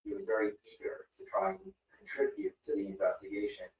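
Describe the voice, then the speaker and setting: A man's voice: fairly low pitch, huge pitch swings, fast, roomy sound. A man's voice from a crime drama playing on a TV in another room, faint and muffled through the wall. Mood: measured. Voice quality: muffled and distant. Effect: TV dialogue heard from another room.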